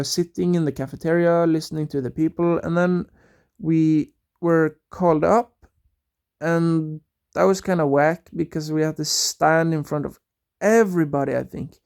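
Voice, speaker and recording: A young man with a somewhat high but dark, mellow voice tells a casual, wandering story. His delivery is unhurried and hesitant, packed with fillers and false starts. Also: smooth. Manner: rambling, hesitant, full of fillers and restarts. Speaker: vlogger.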